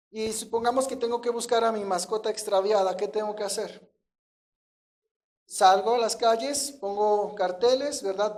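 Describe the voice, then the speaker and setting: A man's voice: high-pitched, a little mellow. Man preaching a question-led sermon. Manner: asks the congregation questions and answers them, often adding a checking "¿verdad?"; illustrates with everyday examples in a conversational teaching tone.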